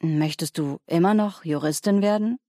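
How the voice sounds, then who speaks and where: A dry, distracted male university professor from a storybook, speaking in an unhurried, slightly absent way, voiced by a woman reading aloud. The voice sits low, and the sound is close and dead, with no room around it. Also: mellow, no echo, lightly acted.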